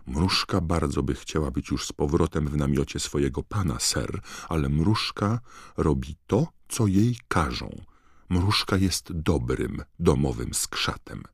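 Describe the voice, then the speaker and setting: A man voicing a timid, servile female house-elf in an audiobook, with a high, trembling squeak and constant deference. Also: lively intonation, measured pace, husky, no echo, studio quality, full character voice. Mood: servile, anxious. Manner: servile, calls everyone sir. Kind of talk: audiobook character voice.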